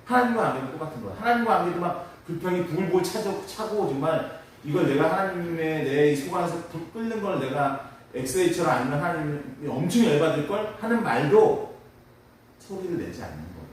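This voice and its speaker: Male pastor, dawn sermon, lively rising-and-falling delivery, acts out prayers; boomy sanctuary, distant mic, faint hiss. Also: a little fast, heavy reverb. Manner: animated, acts out prayers and complaints in quoted voices. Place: church sanctuary.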